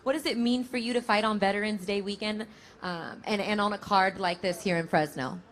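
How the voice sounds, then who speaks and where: A woman's voice: medium pitch, fairly even intonation, brisk. A woman with an American accent, hosting a boxing press conference as moderator. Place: live press event, at a table of fighters.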